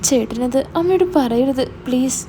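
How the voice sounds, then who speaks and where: A frightened teenage girl, as a woman puts her on stumbles over her words and begs in a high, anxious voice. The tone stays soft and mellow rather than sharp, and there is a faint hiss behind it in this storybook reading. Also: normal speed. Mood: scared pleading. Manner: hesitant, stammering. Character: teenage girl, younger sister, scared and pleading.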